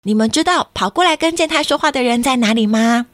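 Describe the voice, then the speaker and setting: A woman's voice: on the high side, fairly quick, dry recording, studio quality. A woman storyteller reading a picture book to young children, guiding them with frequent questions. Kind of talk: interactive picture-book read-aloud for children.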